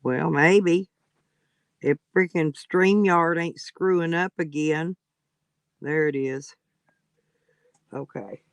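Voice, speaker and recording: Guy with a high voice just rambling on his stream, dry close sound, chatty and coaxing folks to hop on. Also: slow pace, gravelly, long pauses, clear, resonant tone, no echo, low-quality recording. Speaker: livestream host. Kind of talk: casual livestream chat.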